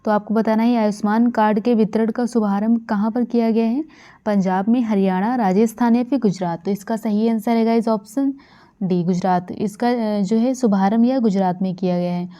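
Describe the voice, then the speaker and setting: A woman's voice: mid-range voice, fairly even intonation, normal speed, mellow. A woman from India giving a current affairs lecture for exam preparation, repeating key facts with frequent fillers. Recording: dull lo-fi recording.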